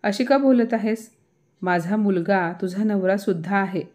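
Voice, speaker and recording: A woman's voice: mid-range voice, unhurried, a little mellow, lightly acted. A woman voicing a proud older mother-in-law who scolds sharply in a family story. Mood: scolding.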